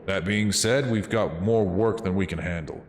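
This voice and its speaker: A man voicing a stern older mercenary commander and father who gives grave, measured orders. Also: low-pitched, big-room sound, slight background noise, close to an everyday voice.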